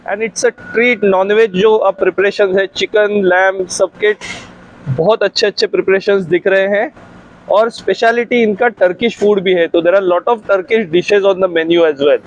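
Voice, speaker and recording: A man's voice: high-pitched, fairly even intonation, measured pace. A middle-aged Indian man hosting a casual food vlog, talking with enthusiasm on a lapel mic at an open-air restaurant. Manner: enthusiastic, mixes Hindi and English. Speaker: food vlogger host.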